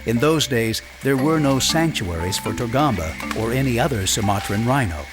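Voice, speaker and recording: A man reading scripted nature documentary narration in a measured, dramatic storytelling way. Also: medium pitch, animated. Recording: loud music under the voice.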